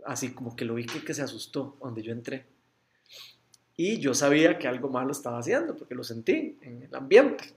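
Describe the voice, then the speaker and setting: A man's voice: mid-range voice, sing-song, fairly quick. A middle-aged Costa Rican man, a father, telling a faith story in casual chat with many restarts. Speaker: father sharing a testimony.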